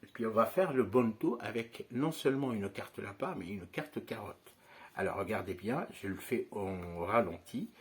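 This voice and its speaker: A man's voice: on the low side, lively intonation, moderate pace. A man teaching a card trick step by step, in a chatty manner and often checking in with his listeners. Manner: conversational, frequent tag questions and fillers.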